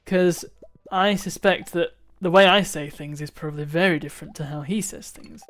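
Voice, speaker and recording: A man's voice: a little high, steady tone, moderate pace, fairly bright tone, faint music behind. A man chatting casually on a live stream while gaming, musing aloud and wandering between thoughts. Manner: rambling, musing aloud with restarts and chuckles.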